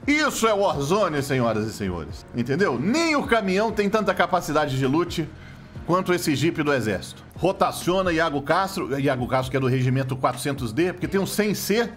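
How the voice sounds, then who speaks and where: Brazilian guy doing goofy sportscaster play-by-play on game clips, kinda high voice, faint music behind. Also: moderate pace. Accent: Brazilian Portuguese. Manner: joking, playful, animated play-by-play. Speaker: gameplay commentator. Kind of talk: mock sportscaster game commentary.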